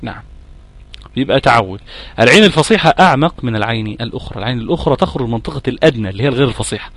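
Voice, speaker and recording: A middle-aged Egyptian man teaching Quran recitation at a middle pitch. He explains each point patiently, demonstrates the sounds himself and keeps asking whether his students follow. The recording is dry, with no room sound. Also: lively intonation, rapid-fire, fairly bright tone, no echo. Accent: Egyptian Arabic. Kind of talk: tajweed lesson.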